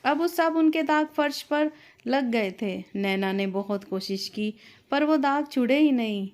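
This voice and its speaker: A woman narrating a scripted family story in a steady, plain storytelling manner. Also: high voice, unhurried.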